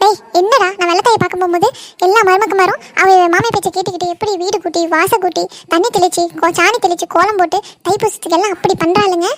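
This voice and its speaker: A voice actor playing a scolding older village mother-in-law in a cartoon comedy, nagging and shrill. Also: fairly even intonation, quick pace, a bit bright.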